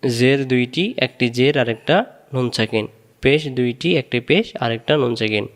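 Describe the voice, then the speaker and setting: A man teaching an online Quran reading lesson, drilling letters and vowel sounds slowly and patiently, asking questions and answering them himself. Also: mid-range voice. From Bangladesh. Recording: long hall reverb.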